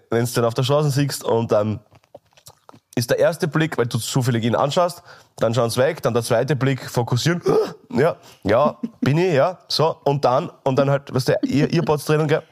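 A young Austrian man with a slightly raised voice, chatting on a podcast. He tells anecdotes in an animated way and breaks into laughter often. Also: on the high side. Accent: Austrian German. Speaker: podcast co-host. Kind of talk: casual chat.

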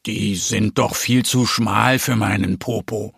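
A man's voice: fairly low pitch, steady tone, slow, creaky, a bit bright, breathy edge, no echo, clean studio sound, full character voice. A man voicing a small, clumsy bear cub in a children's audio story, talking in a puzzled, grumbling way.

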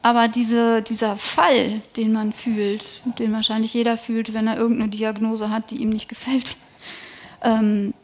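A woman's voice: on the high side, flat delivery, measured pace. A woman guest giving a personal faith testimony in an interview, telling her story in an earnest, emphatic way.

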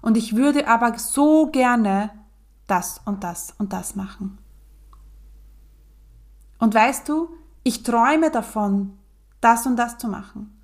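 A worn-out young mother opens up to a trusted friend, confiding and hesitant, pausing as she searches for words, played by a woman. Her voice sits fairly high. She speaks slowly. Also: expressive. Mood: hopeful. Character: weary, struggling young mother and client.

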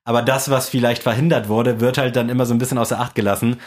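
A young man co-hosting a podcast, rambling along in relaxed, colloquial chat. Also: medium pitch, fast talker. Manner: laid-back, rambling, with colloquial slang. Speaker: podcast co-host. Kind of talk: casual chat.

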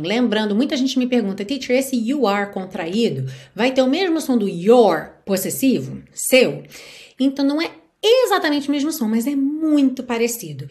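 A Brazilian woman with a slightly high voice teaches English pronunciation. She explains each sound patiently and repeats the words slowly and carefully. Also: sing-song, a little mellow. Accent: Brazilian Portuguese. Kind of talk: pronunciation lesson.

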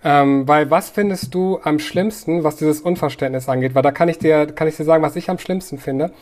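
A man's voice: a little high, fairly quick, a little mellow. Thoughtful man explaining dog training. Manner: thoughtful, explains at length with fillers and restarts. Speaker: guest, online dog trainer. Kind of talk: conversational podcast interview.

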